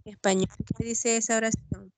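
A woman student with a Salvadoran accent speaks up in an online class. Her voice sits a little high, and her questions and answers are short and hesitant. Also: level tone, a little fast, a little mellow, a little hiss or hum. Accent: Salvadoran Spanish. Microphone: video call.

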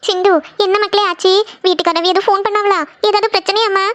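A woman's voice: very high voice, fairly even intonation, quick pace, fairly bright tone, no room sound. A woman voicing a fussy elderly grandmother in a cartoon, with a brusque, scolding manner.

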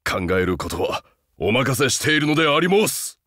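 A man with a mid-range, fairly bright voice, big pitch swings and a moderate pace does Japanese game voice acting with no echo. He plays a huge, loyal, humble beast-man soldier, haunted and earnest, speaking with stiff, dutiful, archaic military formality.

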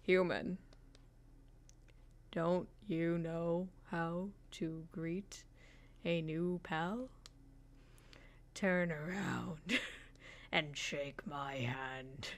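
A woman streamer voicing a gruff, deep-voiced game creature with a low, breathy, crinkly voice and slow, deliberate speech. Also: fairly even intonation, exaggerated voice. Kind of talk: streamer putting on a character voice.

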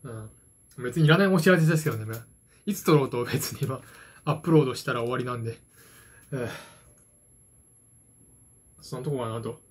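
This vlogger, a forties-aged card game fan from Japan, rambles to the camera indoors in a small dim room, recorded on a phone propped at arm's length. His husky mid-range voice runs fairly quick but breaks into long pauses, with self-deprecating, hesitant asides.

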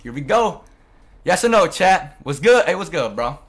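A man's voice: a little high, sing-song, normal speed, fairly bright tone. A young man livestreaming casually, talking in hyped frat-bro slang to his chat. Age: teens to young adult. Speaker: live streamer. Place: bedroom at home, indoors.

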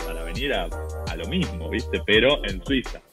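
A deep-voiced Argentine man in his thirties talks on a video call from a small room. He chats loosely, with many fillers and restarts. Music plays clearly under his voice. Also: lively intonation, normal speed, low-quality recording. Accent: Argentine Spanish. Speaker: interview guest, volleyball player. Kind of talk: casual interview over video call.

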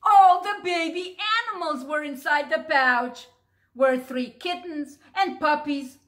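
Female children's teacher, storytime reader, high voice, slow and clear, quizzes the kids. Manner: animated, asks the children questions. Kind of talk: reading a story aloud to children.

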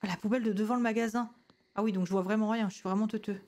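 A woman's voice: medium pitch, steady tone, rapid-fire, darkish tone. A woman streamer giving jumpy, chatty commentary on a horror game, talking to herself and greeting customers politely. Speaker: gamer streamer.

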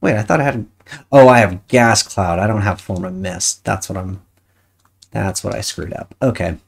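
A woman's voice: very deep voice, normal speed, creaky, slightly rough. A woman streaming a video game, chatting casually and thinking aloud as she plays. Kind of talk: casual chat while playing a game.

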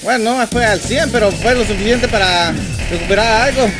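A young man with a Mexican accent giving excitable let's play commentary, yelping, groaning and talking to viewers. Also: sits high, moderate pace. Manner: excitable, yelps and groans often, talks to viewers. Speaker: gaming channel host. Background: loud game music.

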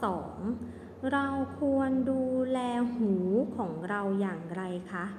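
A woman teaching young children in an online lesson, speaking in a gentle, sing-song way. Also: medium pitch, expressive, slow, a little hiss or hum. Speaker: kindergarten teacher. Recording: echoey room with long reverb, faint ambience.

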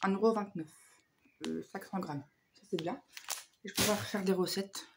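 Chatty hoarse woman with faint noise. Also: mid-range voice, steady tone, moderate pace. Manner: chatty, hesitant, many fillers. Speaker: vlogger. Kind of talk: casual shopping haul chat.

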